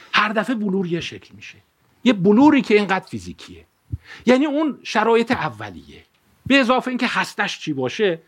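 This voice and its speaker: A man in his fifties giving a public science talk, an animated storyteller who mixes ideas with a personal anecdote and often corrects himself. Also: high-pitched, slightly rough. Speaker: lecturer.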